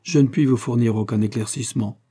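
A man's voice: medium pitch, dark tone, breathy edge. A man voicing a polite but dismissive young homeowner. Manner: brisk, apologetic politeness.

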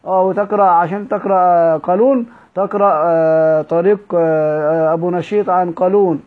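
A man with an Egyptian accent teaching Quran recitation, explaining a classical text and often repeating words with drawn-out fillers. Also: sits high. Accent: Egyptian Arabic. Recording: tinny phone-like audio.

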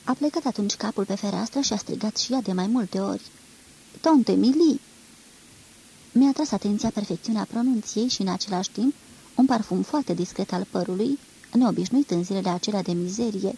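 A woman reading a literary novel aloud in a measured, expressive storytelling manner. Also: medium pitch, vocal fry, a little hiss or hum, poor audio. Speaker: reader.

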